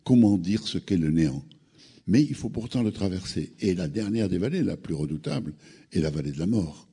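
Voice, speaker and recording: A man in later years speaking on a panel, reflective and halting, often repeating words as he searches for them. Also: deep voice, vocal fry, warm tone, breathy edge.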